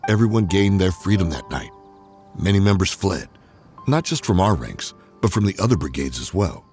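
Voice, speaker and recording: Brief: a loyal gang member, very deep, lively intonation, soft music behind. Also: male voice, normal speed. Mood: solemn. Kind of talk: video game voice acting.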